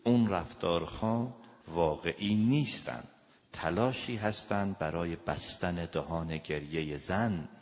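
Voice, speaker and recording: A man giving a lecture as a family counselor. He talks emphatically, swinging between loud raised lines and low, quiet asides. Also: big-room sound, lo-fi sound. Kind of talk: lecture to an audience.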